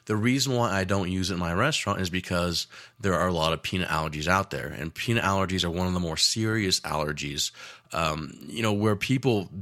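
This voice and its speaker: A man's voice: low-pitched, sharp tone. A man, a chef, giving a casual cooking lesson, rambling with many fillers and joking asides.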